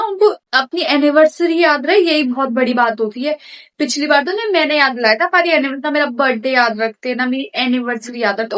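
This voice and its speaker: A woman in a comedy skit playing a nosy, complaining younger sister-in-law who gossips slyly. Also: high voice.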